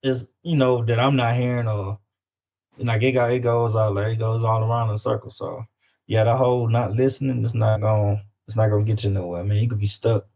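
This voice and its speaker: This independent musician from Louisiana, United States, is a guest on an interview, chatting loosely with a Southern drawl, slangy phrasing, and emphatic repetition. He speaks fairly quickly in a fairly low, steady, slightly mellow voice with vocal fry, and the audio is dull and lo-fi.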